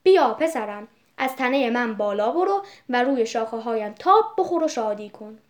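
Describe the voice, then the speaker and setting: A woman's voice: fairly high pitch, animated, close to an everyday voice. A woman reading the lines of a generous, loving old tree in a storybook, in a tender, pleading manner.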